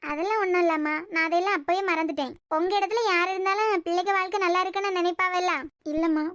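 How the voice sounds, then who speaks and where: A woman's voice: extremely high pitch, fairly bright tone, no echo, clean studio sound. A woman with a Kanyakumari Tamil accent voicing emotional cartoon serial dialogue. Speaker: cartoon voice artist.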